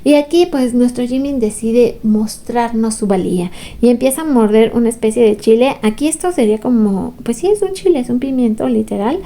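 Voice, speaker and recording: A woman talks through a show recap in a relaxed, chatty way. Her voice sits fairly high but sounds warm and mellow, never sharp. She keeps a playful, gossipy tone and slips in little acted-out quotes. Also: a little fast. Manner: chatty and playful, voicing quoted lines, laughing often. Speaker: fan recap commentator. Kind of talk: casual recap commentary.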